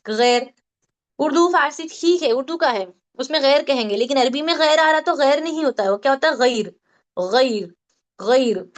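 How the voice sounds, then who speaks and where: Female tajweed teacher, high voice; patient and repetitive, sounds out each Arabic syllable slowly. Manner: patient, repeats questions and answers, drills Arabic sounds slowly. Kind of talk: online Quran recitation lesson.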